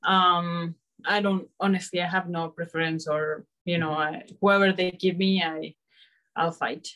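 A young woman fighter answering interview questions in a halting, hesitant way with many restarts. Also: lowish voice, fairly even intonation, a bit bright. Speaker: mixed martial arts fighter.

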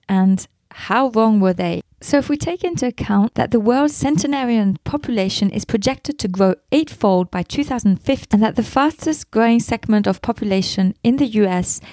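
Gravelly-voiced woman hosting a motivational podcast. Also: on the high side, dark tone, no echo, clean studio sound. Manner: earnest, motivational. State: recovering from a cold, voice affected. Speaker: podcast host. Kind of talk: scripted solo podcast monologue.

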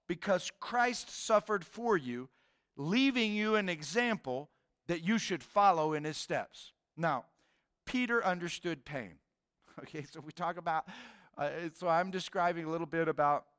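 A man preaching a sermon in a casual, animated way, with slang and acted-out quotes. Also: fairly high pitch, measured pace, clean tone. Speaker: pastor.

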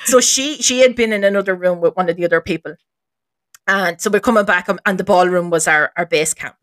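A woman, a guest paranormal investigator, telling an animated story in a podcast chat and laughing often as she goes. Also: lowish voice, a little fast, no room sound.

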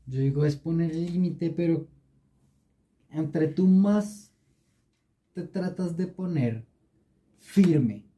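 A man's voice: on the high side, slow, long pauses, dark tone. A man co-hosting a casual podcast, swearing freely and arguing his point with lots of repeats. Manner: crude joking, argumentative, repeats himself. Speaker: podcast co-host.

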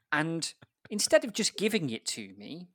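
Laughing at himself throughout, an adult guest recounts an embarrassing story from his own life in a casual conversation. His voice sits on the high side and is slightly bright. The sound is dry and clean, like a studio.

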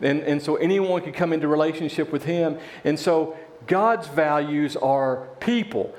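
A man preaching a sermon in a church, telling a parable with animated voices for its characters. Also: a little high, moderate pace, reverberant. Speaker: pastor.

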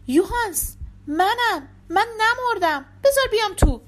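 A woman narrator voicing a frail woman just risen from her coffin, begging in a high strained voice to be let into her home. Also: lively intonation. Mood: pleading. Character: frail woman back from the grave, pleading.

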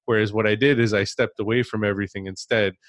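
Low, flat-voiced man hosting a podcast. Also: quick pace, no room sound. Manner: reflective, rambling with many restarts. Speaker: podcast host. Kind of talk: casual podcast conversation.

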